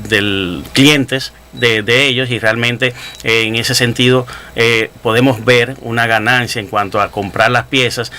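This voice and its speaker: A man, a guest running a car service business, explaining at length with many pauses and fillers in a casual interview. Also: mid-range voice, pushed and bright, smooth. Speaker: auto service company president, guest.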